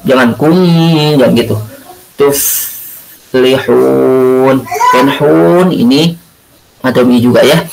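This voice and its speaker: A male religious studies teacher explaining Quran recitation rules, drawing out chanted Arabic words slowly between explanations. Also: mid-range voice, creaky, slight background noise, low-quality recording. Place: home or classroom, recorded for remote learning.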